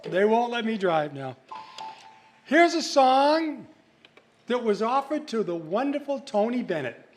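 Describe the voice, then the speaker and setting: A man's voice: very high-pitched, very animated, unhurried. Jokey male sing-along entertainer. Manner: jokey, folksy, chats with the audience. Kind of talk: chatty patter between songs. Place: live venue hall. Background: live instrumental music.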